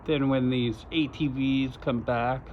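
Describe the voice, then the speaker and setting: Speaking slowly and in a steady, medium-pitched tone, a man from Arizona vlogs outdoors next to a road. His talk is insistent and emphatic, circling back on itself, and the lo-fi recording picks up a lot of outdoor noise.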